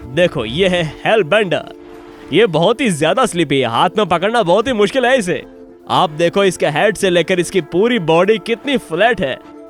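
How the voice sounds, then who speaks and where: A man presenting an outdoor wildlife show in an excited, explaining way, exclaiming often. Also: high-pitched. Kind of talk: Hindi dub of an outdoor wildlife vlog.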